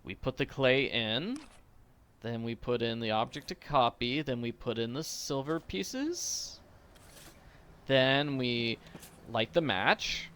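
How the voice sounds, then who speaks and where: A man's voice: medium pitch, lively intonation, takes it slowly, fairly bright tone, slight background noise. A man hosting a game walkthrough with casual, playful, jokey commentary.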